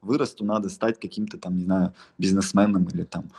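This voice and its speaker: Speaking a little fast in a low, husky, slightly mellow voice with a steady tone, a young music producer and beatmaker from Russia's Altai region sits as an interview guest. His answers are casual, rambling and slangy, with sentences often restarted.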